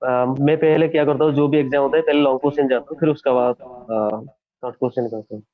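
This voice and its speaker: A man's voice: medium pitch, steady tone. Young man on a crackly phone line. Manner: halting, with many hesitant fillers. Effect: crackly phone line that cuts out. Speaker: exam topper being interviewed. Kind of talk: phone interview.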